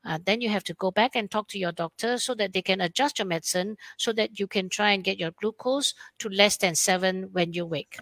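A woman's voice: mid-range voice, a little fast, few pauses, a bit bright, no room sound. A woman endocrinologist with a Malaysian English accent answers webinar questions, explaining plainly and acting out what her patients say.

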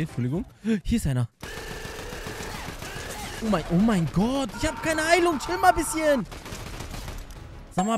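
Excitable young man narrating his gameplay. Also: very high-pitched. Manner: hectic, pleading, jokey. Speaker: gaming YouTuber.

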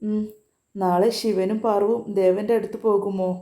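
A loving young man with a mischievous, gently teasing way of talking, voiced by a woman narrating a story. The tone is very dark and mellow, and the reading carries a roomy echo. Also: medium pitch, flat delivery, measured pace, close to an everyday voice.

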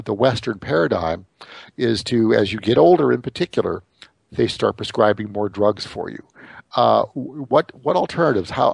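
A man's voice: medium pitch, creaky, slightly rough, no echo. A middle-aged American man hosting an interview show, talking casually and often stumbling over repeated words as he starts his sentences. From United States. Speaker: radio show host.

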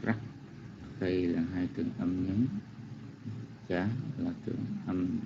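A man with a very deep, gravelly voice recites a Pali verse slowly and deferentially, analyzing each syllable with care. The sound is dull and muffled, as on an online call. A loud hiss of noise runs underneath. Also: level tone. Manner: slow, careful, deferential recitation. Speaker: student reciting scripture.

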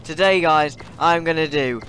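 A teenage gaming YouTuber with a cold rambles over gameplay, giving his viewers casual tips and often repeating himself. His voice is on the high side and a bit bright at a moderate pace, with a little hiss or hum in the recording.

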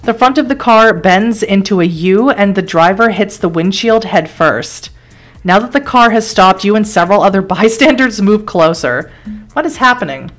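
A woman streamer reading an interactive horror story aloud, with quick surprised asides and laughs as she weighs each choice. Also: medium pitch, soft background music.

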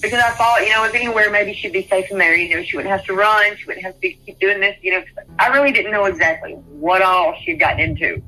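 A woman's voice: mid-range voice, fast, bright, forceful tone, low-quality recording. A middle-aged woman, a mother telling her story in an interview, rambling and often repeating "you know" and "I said.". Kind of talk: casual storytelling.

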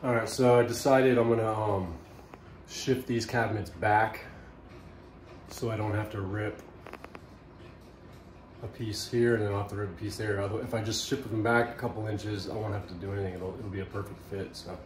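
A man narrating his home renovation work in a relaxed way, thinking aloud as he goes. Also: fairly low pitch, moderate pace, background noise. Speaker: DIY renovation vlogger. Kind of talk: casual narration while working. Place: mobile home under renovation, indoors.

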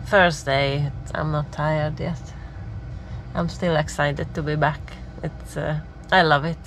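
Woman, 40s, has a cold, slow relaxed vlog chat, lowish voice, lorry cab, dashboard camera. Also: noisy background. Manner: relaxed, chatty, laughs often, slightly non-native phrasing. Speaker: lorry driver vlogger.

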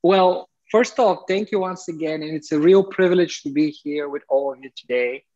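A middle-aged man from Bulgaria presents to a young audience in an earnest, friendly way, his words often broken by "uh" fillers. His voice sounds a little husky. It comes through muffled, lo-fi video call audio. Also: on the high side, normal speed, a little mellow. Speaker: guest speaker, entrepreneur.

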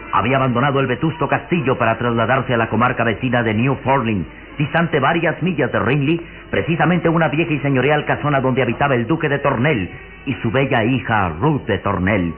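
This man's voice sits at a medium pitch and is lightly acted as he narrates a gothic radio serial, ornate, solemn and suspenseful in vintage fashion. Music runs behind a phone-like, vintage radio sound.

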